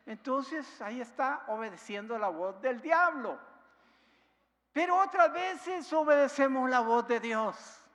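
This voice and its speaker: High-voiced slow-preaching pastor, reverberant. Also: male voice. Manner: emphatic preaching with rhetorical questions and swings in loudness. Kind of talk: sermon. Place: church sanctuary.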